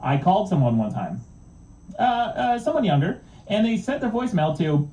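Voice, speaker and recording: A man's voice: high voice, sing-song, normal speed, mellow, far from the mic. A man in casual podcast chat, ranting profanely and animatedly. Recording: roomy echo.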